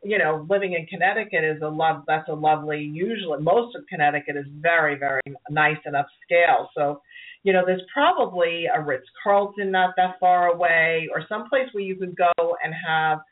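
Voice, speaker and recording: A middle-aged woman with a Brooklyn accent and a fairly low voice gives spiritual advice as a call-in host. She rambles encouragingly and circles back over phrases. The sound is narrow, like a telephone line. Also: moderate pace. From Brooklyn, New York. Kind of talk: casual spiritual advice talk.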